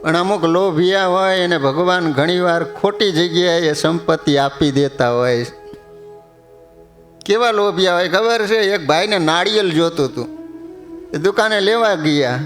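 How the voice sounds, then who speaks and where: High-pitched man, sermon with funny stories, slow chanted verses. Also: a bit bright. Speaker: preacher.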